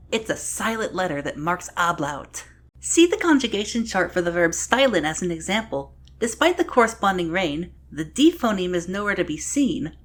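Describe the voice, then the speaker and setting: A woman narrates a scripted showcase in a voice that leaps all over her range. Her delivery is deadpan and sarcastic, and it breaks now and then into mock-dramatic outbursts. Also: on the low side.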